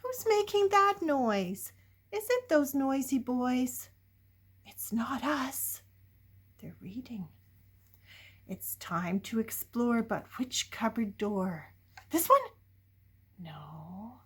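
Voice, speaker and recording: In a fairly high, sing-song voice with a slight roughness, an older children's story reader goes slowly and leaves long pauses. She dramatizes the picture book playfully, asking young listeners questions and alternating between whispering and exclaiming loudly.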